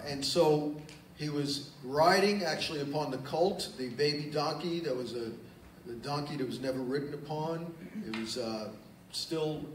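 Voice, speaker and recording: A man's voice: on the high side, slight background noise. A man preaching a sermon as pastor, reading scripture aloud and then explaining it in plain, emphatic asides. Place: church sanctuary. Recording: roomy church sound, distant mic, faint ambience.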